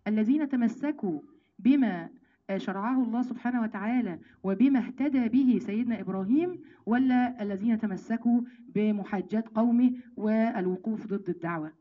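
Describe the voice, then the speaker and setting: A woman with an Egyptian accent giving an emphatic religious lesson to women, calling them sisters and slowing down to recite verses. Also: a little high, phone-quality sound. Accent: Egyptian Arabic. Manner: lively, emphatic, addresses listeners as sisters, slows down to recite verses. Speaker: Quran teacher.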